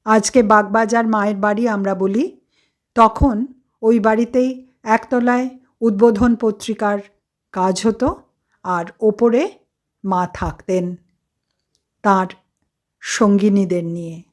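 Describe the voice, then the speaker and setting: A woman's voice: medium pitch, steady tone, slow pace, pauses often. A woman storyteller narrating a devotional story in an earnest, emphatic way.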